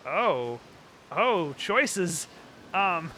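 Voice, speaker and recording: A man's voice: high voice, big pitch swings, extremely slow, sharp tone, slight background noise. A man giving casual, rambling and joking playthrough commentary as he reacts to a video game. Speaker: gaming streamer.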